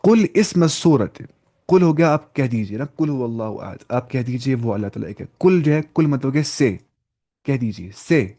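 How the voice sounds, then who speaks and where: A man teaching an online Arabic lesson, saying each word slowly and repeating it with patient explanations. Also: mid-range voice, lively intonation, mellow.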